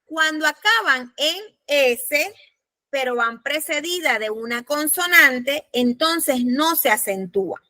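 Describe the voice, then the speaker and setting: Woman lecturer, bright and high, unhurried, drawing out examples. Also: lively intonation, no echo. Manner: patient, spells out examples slowly. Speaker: law course instructor. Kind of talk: lecturing on spelling rules. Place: classroom or online class.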